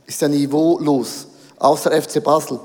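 A Swiss man in his forties with a Swiss German accent, preaching a joking, lively sermon on stage. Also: a little high, moderate pace. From Switzerland. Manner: joking, lively, mixes in English. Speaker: pastor. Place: large hall on stage. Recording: reverberant hall.

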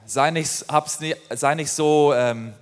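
A middle-aged man interpreting a sermon live in a church hall, in quick, loose phrasing with fillers and self-corrections. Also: fairly high pitch, smooth. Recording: long reverb of a large hall.

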